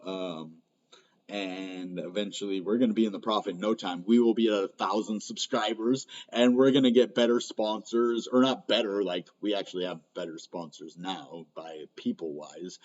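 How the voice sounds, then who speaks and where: A man with missing front teeth hosting a casual, rambling crypto vlog, talking informally with lots of filler words. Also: lowish voice. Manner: informal, rambling, filler-heavy, frequent "you know" and "like". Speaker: host of a crypto channel. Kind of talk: casual rambling vlog, live market commentary. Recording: slightly dull, lo-fi sound.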